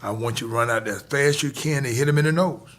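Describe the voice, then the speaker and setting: A man voicing a stern old male boxing coach who talks in a gruff, plainspoken way. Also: medium pitch, fast talker, natural voice.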